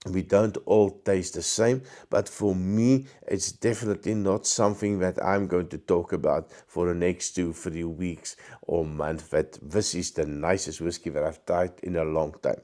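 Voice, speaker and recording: A man with a low, dark voice, roughened by hoarseness, talks through a whisky tasting in a relaxed, measured way. He pauses to search for words and corrects himself as he goes. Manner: thoughtful, measured, with frequent ums and self-corrections. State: hoarse, croaky voice. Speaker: whisky reviewer. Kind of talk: casual tasting review to camera.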